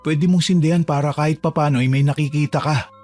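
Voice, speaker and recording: A man voices a protective gardener who helps a trapped girl in an audio horror drama. He sounds calm and reassuring and. His voice sits a little high, with faint music behind. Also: fast, lightly acted. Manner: calm, reassuring, low-key.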